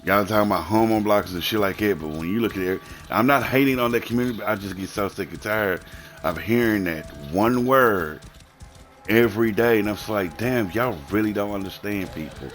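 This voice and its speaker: Deep-voiced man in a profane rant. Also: fairly quick, a bit bright, faint music behind. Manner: heated, profane, repetitive ranting. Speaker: streamer. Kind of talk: live-stream rant.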